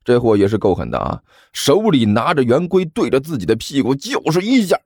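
A man narrating a comic audiobook in a playful, expressive way. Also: mid-range voice, a little fast, husky, dry recording, studio quality.

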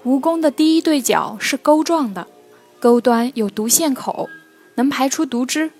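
Woman as a gentle mother goat. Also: high voice, animated, moderate pace, soft background music, voice pushed up. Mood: concerned. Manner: soothing, coaxing, patient. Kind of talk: children's storybook reading.

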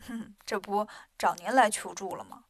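A woman's voice: mid-range voice, normal speed, no echo, studio quality, voice pushed down, close to an everyday voice. A woman voicing a cocky, boastful male monkey king who talks brashly and snorts at others. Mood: cheeky.

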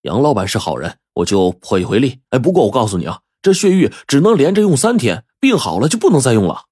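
A storyteller voicing a stubborn young mountain hunter who speaks bluntly and heatedly. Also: male voice, medium pitch, very animated, quick pace, a little mellow, husky, no room sound, clean studio sound, pitched above the performer's own voice. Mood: reluctant.

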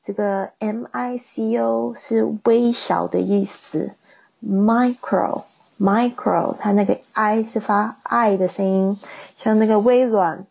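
A woman teaching an English vocabulary lesson on a livestream. She reads word lists, repeats the English terms slowly and explains how to pronounce them. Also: medium pitch, fairly even intonation, gravelly, darkish tone, low-quality recording.

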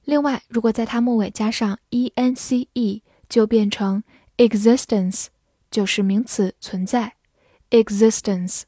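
A woman teaching English vocabulary in a scripted lesson, spelling words letter by letter and reading example sentences slowly. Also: a little high, no echo, clean studio sound. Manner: measured, even explanatory delivery in Chinese with English words.

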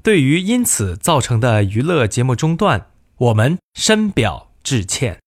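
Male reader, slow and formal, lively pitch, dry close sound; cabin-announcement lesson. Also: dry recording. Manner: measured, formal announcement delivery in two languages. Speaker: language course reader. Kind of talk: reading in-flight announcements aloud.

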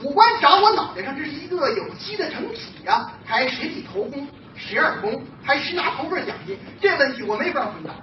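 A woman fires back wry retorts in a high, lively voice in a live stage crosstalk act. Her voice is roomy and muffled, picked up from afar, with noise behind. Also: brisk, hardly any pauses. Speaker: straight man in crosstalk, playing the head. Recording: roomy, distant stage mic, muffled, noisy.

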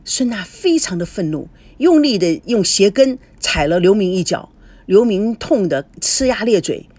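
A woman hosting and narrating a radio serial story, telling it in an expressive, animated way. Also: mid-range voice, moderate pace, dry recording.

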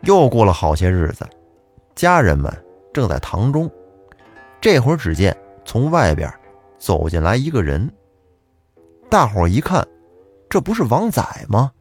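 A man's voice: fairly low pitch, wildly swooping pitch, a little slow, pauses often, a little mellow, husky, soft background music. A man telling a folk tale in a chatty way, speaking directly to the listener. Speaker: storyteller.

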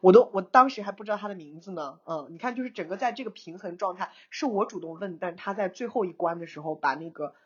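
Husky-voiced woman telling a story. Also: lowish voice, fast, few pauses, highs cut off. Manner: animated, laughs often, mixes in English words. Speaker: co-host, screenwriter. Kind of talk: casual storytelling chat.

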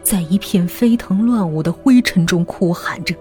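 A woman narrating a horror story in a hushed voice that often drops to a half-whisper. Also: lowish voice, moderate pace, soft background music.

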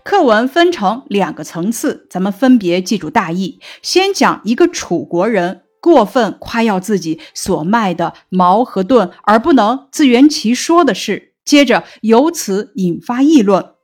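A woman explaining a textbook lesson in a slow, measured teaching tone, lifting her voice on quoted classical lines. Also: medium pitch, big pitch swings.

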